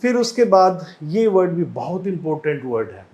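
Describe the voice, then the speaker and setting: A man with an Indian accent teaching an exam-prep English lesson, explaining slowly and repeating each word for drill. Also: high-pitched, sing-song, darkish tone, muffled recording.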